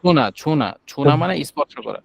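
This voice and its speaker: A man with a Bangladeshi Bengali accent teaching an online class, drilling syllables slowly and patiently. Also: a little high, animated, vocal fry, dull audio.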